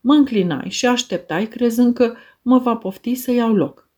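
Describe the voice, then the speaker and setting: Female audiobook reader, measured and expressive delivery. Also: on the high side. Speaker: audiobook narrator. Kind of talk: literary audiobook narration.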